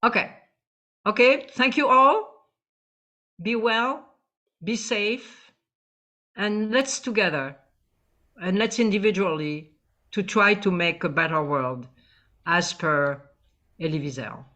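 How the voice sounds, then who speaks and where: A woman with as her gives warm, hesitant closing remarks on a video call, stammering now and then. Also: mid-range voice, takes it slowly, pauses often. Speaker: speaker.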